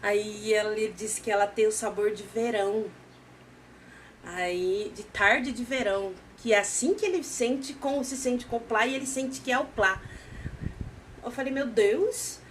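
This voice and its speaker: A woman with a Brazilian Portuguese accent, recapping a series in a casual, animated storytelling way. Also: fairly high pitch, measured pace, a little hiss or hum. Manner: animated storytelling, acting out characters' lines.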